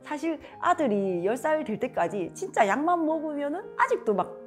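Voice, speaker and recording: Woman, animated storytelling, parenting advice, very expressive intonation. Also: high-pitched, moderate pace, faint music behind. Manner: animated storyteller acting out dialogue. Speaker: parenting advice channel host. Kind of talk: personal anecdote and parenting advice.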